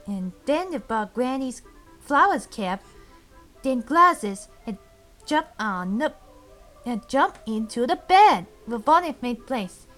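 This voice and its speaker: A woman retelling a fairy tale in a halting, meandering way, often restarting her sentences. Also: fairly high pitch, big pitch swings, a bit bright, soft background music. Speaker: storyteller.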